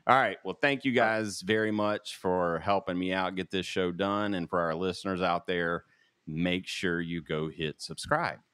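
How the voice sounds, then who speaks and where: Male podcast host, very low voice, unhurried, fumbling sign-off. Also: fairly even intonation, fairly bright tone, clean tone, no echo. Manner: easygoing, halting, many fillers. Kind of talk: casual podcast chat.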